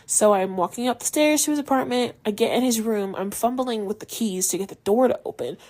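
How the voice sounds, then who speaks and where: A woman's voice: fairly high pitch, fairly quick, a little mellow. A young adult woman hosting a podcast, telling a personal story in a casual, chatty way with many fillers. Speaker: podcast host.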